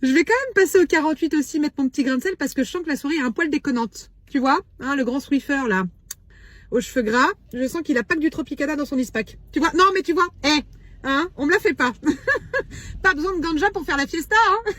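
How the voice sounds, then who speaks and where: A woman's voice: high voice, a little fast, a bit bright, no room sound. A woman in her thirties doing a comic phone-call monologue, brash and gossipy, full of slang and dramatic asides. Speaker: comic sketch performer.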